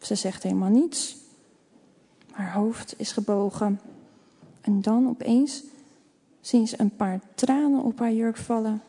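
A woman reading a children's story aloud in a gentle, expressive way. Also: a little high, slow, long pauses, breathy edge. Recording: long reverb.

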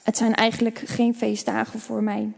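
A woman voicing a lonely old neighbor lady, soft and trembling. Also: a little high, completely flat delivery, moderate pace, gravelly, slightly rough, long reverb tail, heavily acted. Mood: moved.

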